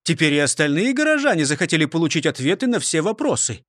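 A man narrating a children's storybook in an animated, expressive way. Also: a little high, fast talker, no echo, studio quality.

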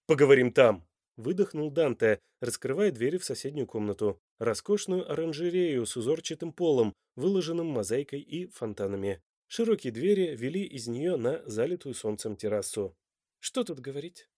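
Brief: male audiobook narrator, middle pitch, dry studio sound. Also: dry recording. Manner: even, measured reading.

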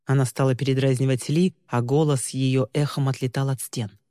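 A woman reads a story in an even, measured voice, low in pitch. Her tone is dark and mellow. The sound is close and dry, with a long reverb tail behind it. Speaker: audiobook narrator. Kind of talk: scripted story narration.

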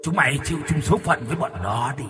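A man doing a raspy possessed boy. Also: on the high side, quick pace, in a large hall, music in the background, close to an everyday voice. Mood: raging. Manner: snarling, murderous threats. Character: boy possessed by a vengeful female ghost.

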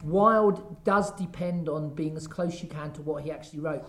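A theatre actor in a casual interview, telling animated stories and quoting lines. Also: mid-range voice, moderate pace, roomy sound. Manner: animated storyteller, quotes lines.

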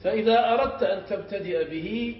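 A man, a sheikh, teaching a grammar class. He explains step by step and often checks the students with quick questions. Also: sits high. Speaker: sheikh teaching Arabic morphology. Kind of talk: classroom lesson. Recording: echoey room, muffled sound, faint hiss.

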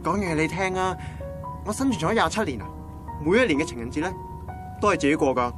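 In a radio drama with music behind the dialogue, an actor voices a goofy, lovelorn 27-year-old male friend with a Hong Kong Cantonese accent. His voice is on the high side and quick, lightly acted, animated and joking, with a wistful edge as he jokes and comforts.

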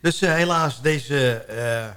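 A man co-hosts a small local radio programme. He chats casually, hesitating and pausing for fillers. His pitch sits in an ordinary middle range. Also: a bit bright, clear, resonant tone. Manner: hesitant, many fillers, light joking.

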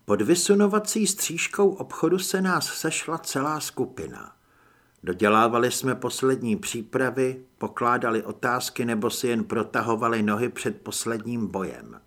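A man reading first-person audiobook narration in an expressive way. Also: mid-range voice.

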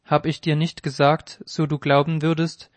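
A man voicing Jesus in a spoken Bible reading, with a solemn, measured delivery. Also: a little high, little pitch movement, no room sound, natural voice. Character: Jesus, a calm grave man teaching.

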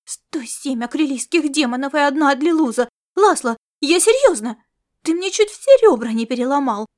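A woman's voice: high voice, expressive, normal speed, pitched above the performer's own voice. A woman voicing a cheeky, mocking young female star-cat girl in an audiobook. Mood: angry. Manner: mocking, teasing, then whiny.

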